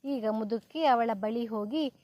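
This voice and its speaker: A woman reading a children's story aloud in a calm storybook manner. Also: a little high, no echo. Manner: slow, even storybook narration.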